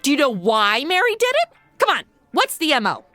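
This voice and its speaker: Wisecracking woman, brash and pushy, high bright voice, comedy audio drama, faint music behind. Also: huge pitch swings, a little fast, no echo. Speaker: host and lead comic actor.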